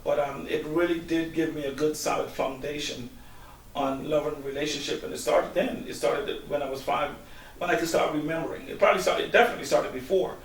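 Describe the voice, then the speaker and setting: Hesitant man from Guyana with a gravelly voice. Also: a little high, fairly even intonation, brisk. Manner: hesitant, many ums and restarts. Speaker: guest. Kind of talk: casual interview answers. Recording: echoey room, distant mic, faint hiss.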